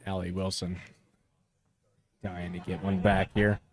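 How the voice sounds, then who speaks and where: A man's voice: low voice, little pitch movement, measured pace. A man working as a golf commentator, calling a match live in short descriptive phrases full of golf jargon.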